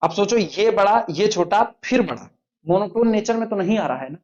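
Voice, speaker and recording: Higher-voiced man teaching math, lo-fi. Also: expressive, a little mellow. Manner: quizzes students, drawn-out counting of terms. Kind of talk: chalkboard math lecture.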